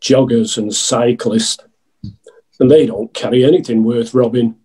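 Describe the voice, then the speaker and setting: Guy doing an earnest jobless outlaw in a panto sketch, soft husky voice, mid pitch. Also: fairly even intonation, unhurried. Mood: matter-of-fact.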